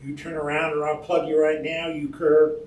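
Guy doing a loud drunk cavalry bully, taunting drawl, roomy far-off mic. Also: fairly high pitch, monotone, moderate pace, voice pushed up, natural voice. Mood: belligerent taunting. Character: belligerent drunk cavalry private, quarrelsome bully. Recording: roomy hall, distant mic, faint ambience.

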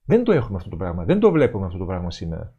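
A man's voice: sits low, huge pitch swings, breathy edge, highs cut off. A middle-aged man, an Orthodox priest, giving an emphatic sermon commentary that mixes readings with rhetorical questions.

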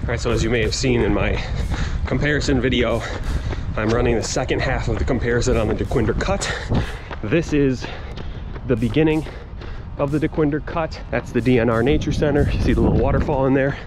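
A man's voice: mid-range voice, fairly quick, loud music behind the voice. A man in his thirties with an American accent talks casually to his vlog camera while running, slightly winded. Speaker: running vlogger. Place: outdoors on paths and sidewalks. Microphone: camera held at arm's length. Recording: outdoor action camera, noisy street ambience.

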